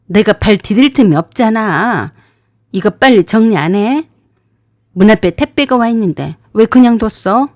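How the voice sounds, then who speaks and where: A woman's voice: medium pitch, dark tone, dry recording, studio quality. A woman voicing a drunken, scolding husband. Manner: scolding, barking questions. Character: drunken abusive middle-aged husband, belligerent.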